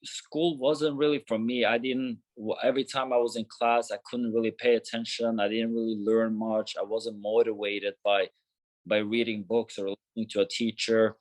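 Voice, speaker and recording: A man's voice: fairly low pitch, little pitch movement, normal speed, low-quality recording. A man in his thirties from Norway, a gym founder answering interview questions earnestly with frequent restarts. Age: 30s.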